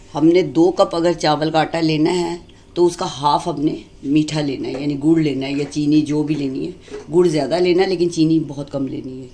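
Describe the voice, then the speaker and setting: A woman hosting a home cooking demonstration, explaining each step calmly and patiently. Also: sits low. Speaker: cooking channel host. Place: home kitchen.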